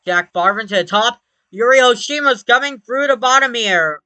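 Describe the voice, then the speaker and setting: Bright, clear motorsport commentator voice. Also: mid-range voice, normal speed, no room sound. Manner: excitable motorsport commentator delivery, breaking into shouts at big moments. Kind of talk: live race commentary.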